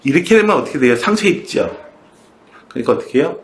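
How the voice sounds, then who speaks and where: A man's voice: a little high, animated, fast talker. A middle-aged man teaching math in a classroom and telling a story, chatty and often asking students questions, recorded from a distance in an echoey room. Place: academy classroom in Seoul.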